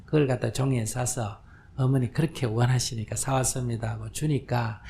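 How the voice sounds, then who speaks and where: A man's voice: medium pitch, fairly even intonation, normal speed, gravelly, warm tone. Older male monk, Q&A dharma talk in a hall, chatty, checks in with listeners, faint room noise. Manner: conversational, often checks listeners understand; acts out quoted voices, drops to whispers. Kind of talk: question-and-answer dharma talk. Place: lecture hall with audience.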